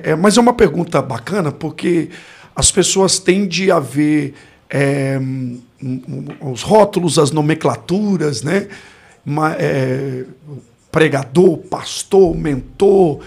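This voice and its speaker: A Brazilian pastor in his forties, a guest on a podcast interview, reflectively tells his life story, often searching for words. His voice is a little high, slow, and creaky with a breathy edge, and he speaks with a Brazilian Portuguese accent.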